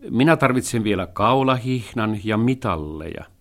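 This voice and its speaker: A man voicing an eager, excitable male dog in a storybook reading, full of wishes and engine noises. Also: on the low side, close to an everyday voice.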